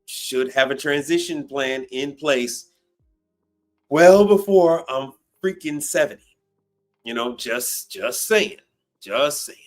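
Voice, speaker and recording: Faint music plays behind a fifties-aged appliance service technician as he fields viewer questions on his unscripted livestream. His mid-range voice moves slowly, and his talk is blunt and emphatic, with repeated phrases and free swearing.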